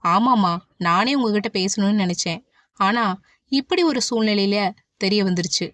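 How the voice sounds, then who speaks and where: A man's voice: high-pitched, expressive, moderate pace, a bit bright, no echo. A woman voicing a hot-tempered young man, the lovestruck hero of a romance novel, speaking bluntly. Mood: pleading. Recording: dull, dry audiobook recording.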